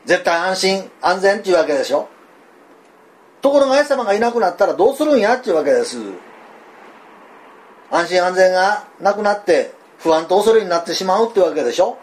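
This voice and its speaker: An older man with a Kansai accent, preaching a sermon in a folksy, animated way, full of fillers and asides. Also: high voice, a little fast. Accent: Kansai (Osaka dialect). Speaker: pastor.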